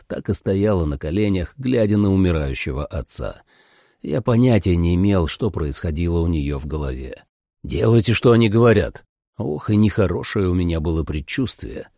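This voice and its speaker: A man narrates a first-person action audiobook with dramatic flair. His voice is low, dark and gravelly with a husky edge. The pitch swings widely as he tells it. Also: no echo, studio quality. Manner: dramatic, voices every character.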